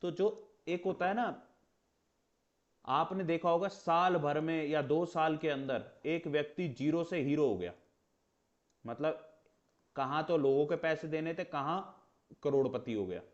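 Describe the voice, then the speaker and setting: A man's voice: a little high, measured pace, long pauses, dull audio. A man teaching an astrology class in a conversational way, asking rhetorical questions and acting out little exchanges. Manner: conversational, explains with rhetorical questions and mock dialogue. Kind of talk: lecture in Hindi with English terms.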